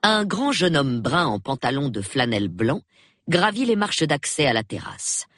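A woman narrating an audiobook in a calm, even storytelling voice. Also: sits low, moderate pace, dry recording, clean studio sound.

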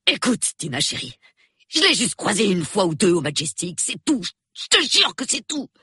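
A man reading an audiobook, voicing a nervy, sulky young artist who talks in a rushed, shaky, sullen way. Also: high voice, sing-song, bright, forceful tone, slightly rough, dry recording, clean studio sound, pitched above the performer's own voice, exaggerated voice. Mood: shaken. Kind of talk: audiobook character voice.

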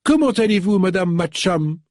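A man reading aloud and lightly voicing a polite woman novelist in a slightly raised, gentle tone. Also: sits high, lively intonation, normal speed, no room sound, studio quality, pitched above the performer's own voice.

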